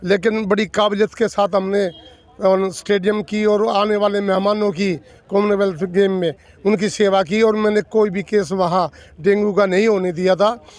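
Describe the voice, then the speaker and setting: Interviewed as an election candidate, a sixty-something man from the villages of North Delhi speaks with earnest emphasis, repeating himself and enumerating points. He has a high voice with a steady tone and normal speed.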